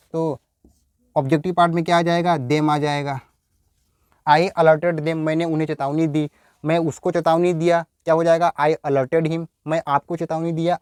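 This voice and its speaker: A man's voice: on the high side, little pitch movement, moderate pace, a little mellow, smooth, no echo, studio quality. A man teaching English grammar in Hindi, repeating words and asking his students rhetorical questions. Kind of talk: Hindi-language grammar lesson.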